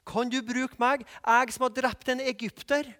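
A man's voice: very high voice, steady tone, bright, forceful tone, big-room sound, voice pushed up. A man voicing Moses as a doubtful, stammering old leader who pleads to be let off.

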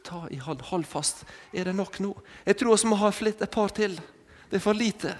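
A man preaching an interactive sermon with props, calling volunteers forward and coaxing them with short repeated commands. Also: sits high. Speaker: preacher leading an object lesson with volunteers. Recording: long hall reverb.

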